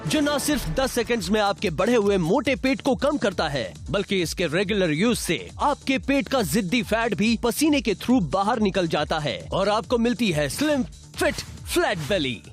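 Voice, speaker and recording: High, animated male infomercial announcer. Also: moderate pace. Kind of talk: scripted infomercial narration. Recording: music bed behind voice.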